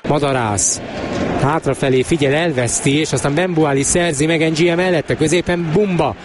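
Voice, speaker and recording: A man giving live Hungarian sports commentary on a football match, excitable, with shouts at big moments. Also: a little high. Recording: clear stadium noise behind the voice.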